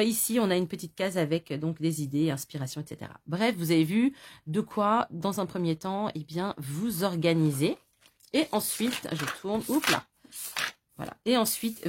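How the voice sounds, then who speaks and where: Chatty woman, lowish voice. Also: a little mellow, slight background noise. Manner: chatty, many fillers, self-mocking. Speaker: vlogger presenting a notebook. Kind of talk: casual product presentation.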